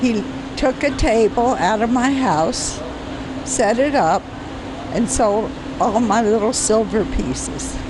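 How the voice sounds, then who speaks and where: A woman's voice: on the high side, slow pace. An older woman giving casual interview answers at an art fair. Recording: noisy room ambience.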